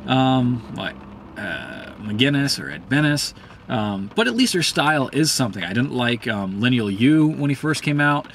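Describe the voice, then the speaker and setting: A mid-pitched man rants in a casual, heated way, swearing often and filling gaps with ums and uhs. His voice jumps higher when he gets worked up. A faint hiss of noise sits under the recording. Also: a bit bright. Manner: profane, heated, rambling with many ums. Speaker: host. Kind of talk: casual ranting commentary.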